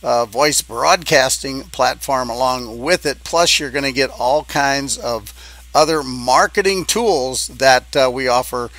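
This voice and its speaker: A business coach makes an informal sales pitch, talking in a halting, conversational way and checking in with the listener. His voice is a bit bright, with no room sound.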